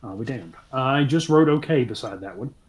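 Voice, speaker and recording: A man talks loosely and jokes his way through a podcast chat, padding his thoughts with ums and uhs. His voice sits at a middling pitch, neither deep nor high. The delivery stays relaxed and unscripted. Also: normal speed, crowd noise. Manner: loose, joking, rambling with many ums. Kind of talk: casual chat.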